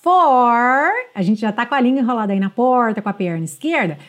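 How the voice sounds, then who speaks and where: A woman teaching English pronunciation, slowly modeling sung phrases and checking in with her students patiently. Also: a little high, expressive. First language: Portuguese.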